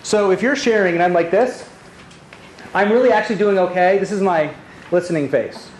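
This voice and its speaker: A man with a slightly high voice leads a live seminar as a coach. His talk is rushed and rapid-fire, aimed straight at the group. The room is echoey, with faint noise. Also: a little mellow. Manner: direct, addresses listeners with short check-in questions. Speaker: business coach and seminar host.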